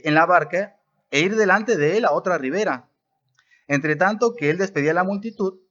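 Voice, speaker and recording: Man, pastor, sermon, emphatic delivery, somewhat high voice, muffled lo-fi church recording. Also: a bit bright. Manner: emphatic, rising and dropping for stress. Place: church service.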